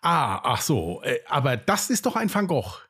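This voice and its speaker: A man's voice: fairly high pitch, big pitch swings, moderate pace, fairly bright tone, husky, exaggerated voice. A man playing a clueless, gushing rich woman visiting a museum in a joke. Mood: eager. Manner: eager and naive.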